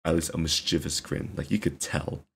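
A man's voice: rumbling low, steady tone, fairly quick, gravelly, a little hiss or hum. A man giving casual reaction commentary, rambling with many fillers and casual swearing. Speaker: reaction video host.

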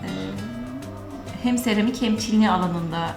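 A woman's voice: mid-range voice, moderate pace. A woman explains her work as an artist in an interview. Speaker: artist colleague. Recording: roomy echo, music underneath. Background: clear background music.

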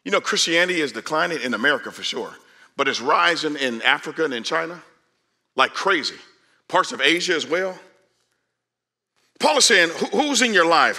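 A man in his forties preaching a sermon on a large church stage, animated and conversational, swinging from loud calls to hushed asides. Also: a little high. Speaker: pastor.

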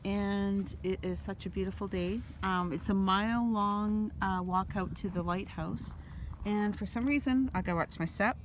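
A chatty woman films herself on a walk along a seaside breakwater, talking in a loose, rambling way full of ums and uhs. Her voice sits at an ordinary middle pitch, and a phone held in her hand picks it up. Steady outdoor noise and wind run under her words. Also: normal speed. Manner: chatty, rambling, with fillers and small laughs. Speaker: vlogger. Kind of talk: casual walking vlog. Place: outdoors on a stone breakwater by the sea. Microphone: phone camera held by the speaker. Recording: noisy outdoor phone recording.

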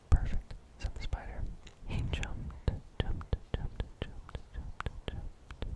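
A young man telling a bedtime-style story as ASMR, in a hushed, deliberate whisper close to the microphone. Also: low-quality recording. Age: young adult. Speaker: ASMR host. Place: small dim room indoors. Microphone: close desktop condenser microphone.

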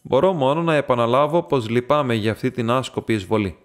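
Male narrator as composed detective, measured and dry, storybook. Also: mid-range voice, animated, faint music behind, close to an everyday voice. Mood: measured polite. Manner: polite, measured.

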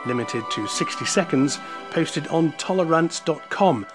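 A man reading a scripted news voice-over in a measured, even way. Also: fairly high pitch. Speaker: news narrator. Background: loud music bed.

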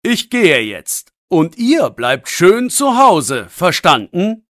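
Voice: expressive, slow, fairly bright tone, no room sound. Older man, hearty laugh, firm narrator-voiced, dry mic. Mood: stern. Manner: hearty booming laughter, chuckling while talking. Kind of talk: audiobook role voice.

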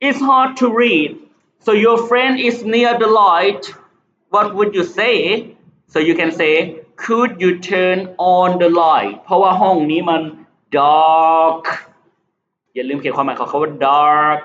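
High-voiced man teaching slow English. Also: a bit bright, slight background noise. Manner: reads English items slowly, explains in quick Thai. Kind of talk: exam prep lesson. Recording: dull lo-fi recording.

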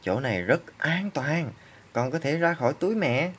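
Storybook mother kangaroo, played by a woman: caring, coaxing, husky, animated, read for toddlers. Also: deep voice, moderate pace. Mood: reassuring.

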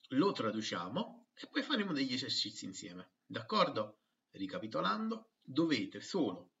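Slow, lively-voiced male teacher. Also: recorded from a distance, highs cut off. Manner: slow and patient, with lively pitch swings. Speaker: English teacher. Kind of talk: video lesson for middle-school pupils.

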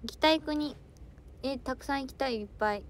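A young woman idol chats with her audience in a casual solo stream, reading comments aloud in a playful, giggly way and dabbling in foreign words and dialect phrases. Her high voice moves fairly quickly over a faint hiss or hum.

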